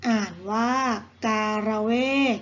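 Slow, careful Thai woman teacher. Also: lo-fi sound. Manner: slow, careful reading of each word twice. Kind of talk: slow vocabulary lesson for children.

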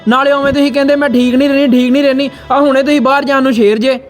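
A man plays a defiant grown son who berates and answers back in a very high voice. He rattles off rapid complaints. This is a home-made family skit. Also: level tone, faint music behind. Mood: scolding. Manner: rapid scolding, talking back. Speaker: son Sahil. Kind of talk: amateur family skit acting.

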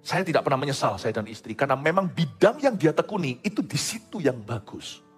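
A man's voice: mid-range voice, big pitch swings, fairly quick, breathy edge. A middle-aged man, preaching a sermon in a conversational way, often checking whether the congregation follows him and slipping in English phrases. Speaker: pastor. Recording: echoey hall with faint music.

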